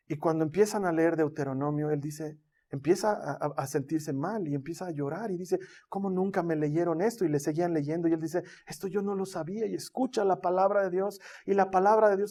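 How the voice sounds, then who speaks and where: High-voiced pastor preaching dramatically. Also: male voice. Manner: dramatic storytelling, acts out voices, swings from hushed to loud. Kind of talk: sermon.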